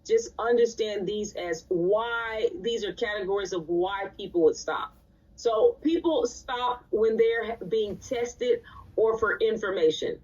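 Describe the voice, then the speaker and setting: A woman's voice: mid-range voice, unhurried, darkish tone, husky. A woman teaching a live recitation class in a conversational way, often checking in with her students. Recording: distant, dull lo-fi sound.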